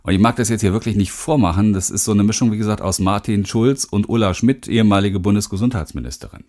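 A middle-aged speaking coach from the Rhineland in western Germany narrates his self-help audiobook, addressing the listener directly in a candid, emphatic way. His voice is lowish and a little mellow, and he talks at a quick pace.

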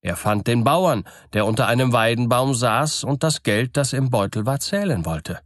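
A man reading an old fairy tale aloud in a calm, measured storytelling manner. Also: mid-range voice, no room sound, studio quality.

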